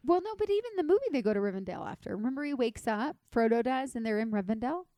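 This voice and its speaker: A woman's voice: on the high side, expressive, quick pace, mellow, no echo. A woman co-hosting a podcast, telling stories in an effusive, dramatic way and filling her talk with "like.". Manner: effusive, dramatic storytelling with many "like"s. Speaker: podcast co-host. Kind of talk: casual podcast chat.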